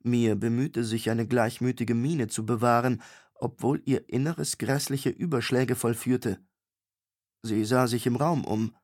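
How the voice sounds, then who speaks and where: Measured male fantasy narrator. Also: mid-range voice, steady tone, darkish tone, dry recording, studio quality. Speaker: audiobook narrator.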